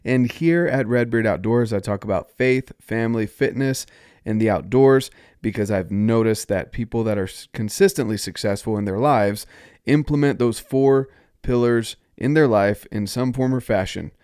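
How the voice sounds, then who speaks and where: A man from North Carolina hosts a solo podcast while congested from a cold, sounding upbeat and encouraging as he invites listeners to join in. His voice is mid-range and somewhat dark yet clean, delivered at a moderate pace in a dry, studio-quality recording.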